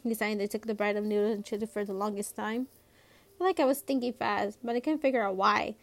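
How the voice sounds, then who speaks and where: A woman's voice: medium pitch, fairly even intonation, fairly quick. A woman reading a young-adult novel aloud, narrating in the first person. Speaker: reader.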